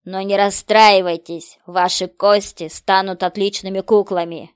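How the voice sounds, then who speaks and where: A woman voicing a cruel, mocking hidden maniac in a horror story, speaking slowly with a hiss. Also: fairly low pitch, flat delivery, dry recording, clean studio sound. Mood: taunting. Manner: slow, taunting, hissing delivery.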